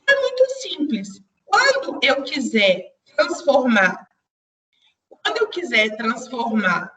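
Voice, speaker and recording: A woman's voice: sits high, sing-song, takes it slowly, bright, forceful tone, recorded from a distance, low-quality recording. A young woman teaching a grammar lesson online, explaining step by step and speaking straight to her students.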